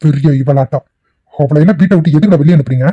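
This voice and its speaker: A bullying village headman barks threats in a voice set a bit high, a man acting him out. The recording is dull and lo-fi, dry with no room sound, like a cheap cartoon dub. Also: fast, slightly rough, no room sound. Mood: furious threats. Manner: shouting, threatening, scornful. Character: angry domineering village headman, older man.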